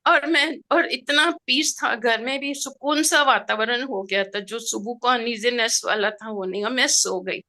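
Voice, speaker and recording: A middle-aged woman telling an emotional personal story in an expressive, heartfelt way, slipping in English words. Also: a little high, unhurried, few pauses. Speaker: participant sharing a personal experience.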